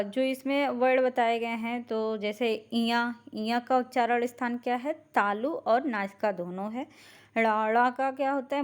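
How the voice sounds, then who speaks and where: Woman teacher, kinda high voice, asks then answers her own questions, drags out each syllable. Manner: asks questions and answers them herself, repeats syllables slowly. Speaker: Ayurveda teacher. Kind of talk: classroom lecture, Sanskrit grammar.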